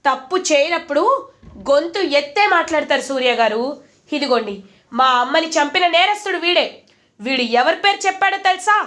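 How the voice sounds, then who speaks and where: A woman reading the lines of an angry young man demanding answers, in a high, shouting tone. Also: expressive, normal speed. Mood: defiant.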